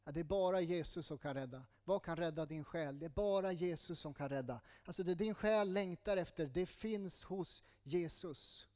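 Man preaching in a casual, personal way. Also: fairly high pitch. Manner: conversational, personal preaching with asides and jokes; softens to a slow hush on tender lines. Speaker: pastor. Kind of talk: sermon.

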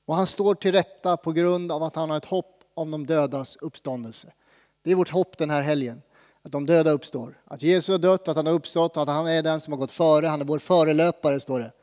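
A man's voice: fairly high pitch, darkish tone, in a large hall. Predikande man i ett ekande kyrkorum. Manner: conversational, asks the congregation questions. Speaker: pastor. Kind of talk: sermon.

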